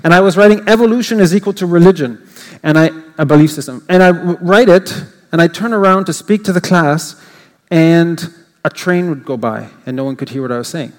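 An older English Canadian man, appearing as a guest speaker, gives an informal, rambling talk in a reverberant church hall, full of fillers and restarts. His voice is fairly high-pitched and fairly quick.

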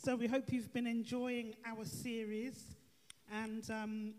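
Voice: medium pitch, little pitch movement, slow pace, a little mellow. An interviewer at a church event, asking questions with a curious, encouraging manner.

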